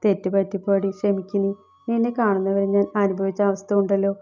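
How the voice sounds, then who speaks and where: A man's voice: high voice, little pitch movement, a little fast, warm tone, lo-fi sound, close to an everyday voice. A woman reading the lines of a remorseful young husband in a romantic audiobook, in her own voice. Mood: pleading.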